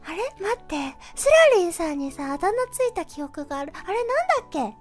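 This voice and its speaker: Young female streamer, extremely high childlike pitch, cutesy and animated casual chat, faint music behind. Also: fast. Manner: cutesy, refers to self in third person; animated, giggly. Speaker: livestream host chatting with viewers. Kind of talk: casual livestream chat, reading out comments.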